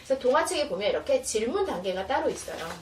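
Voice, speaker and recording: Speaking quickly in a high-pitched, very animated voice, a woman walks parents patiently through teaching materials in a casual, educator-like way. She plays out sample conversations between mother and child. The sound is roomy and distant, with a little background noise.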